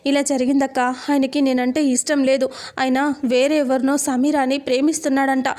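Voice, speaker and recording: A tearful young wife begging her elder sister again and again, as a woman reads her part. The voice is high and sits on a narrow, flat line, and the pleading stays quiet and unstaged. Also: normal speed, lightly acted. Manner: pleading, addresses sister as akka.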